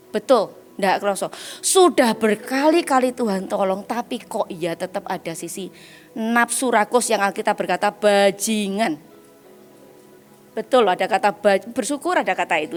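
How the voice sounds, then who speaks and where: A middle-aged woman preacher, delivering an animated, emphatic sermon. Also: a little high. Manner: animated, emphatic, mixes in English and Javanese phrases. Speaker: evangelist preacher.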